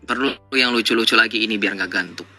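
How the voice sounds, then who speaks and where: A man's voice: fairly low pitch, fast talker, pushed and bright, faint music behind. A man hosting a live online debate, lecturing callers with mocking rhetorical questions. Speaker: live-stream debate host.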